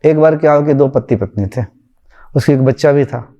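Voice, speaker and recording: A man's voice: medium pitch, normal speed, warm tone, lo-fi sound. A man, a spiritual teacher, giving a conversational storytelling talk and acting out the voices of the people in his story.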